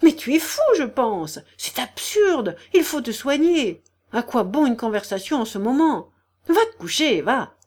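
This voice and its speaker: A furious older noblewoman , put on by a woman reader, pitched well above the reader's own voice and loud. She scolds in shrill bursts, domineering and quick to anger, in an audiobook reading. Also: animated, lightly acted. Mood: alarmed scolding. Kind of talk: audiobook character voice.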